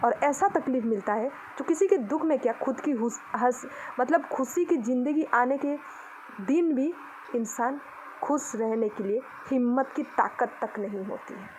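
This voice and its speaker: A young woman vlogger from Odisha, India, stands outdoors and scolds her critics to the camera, indignant and preaching with passion. Her high-pitched voice has a darkish tone and a measured pace, and the poor audio carries a little hiss or hum.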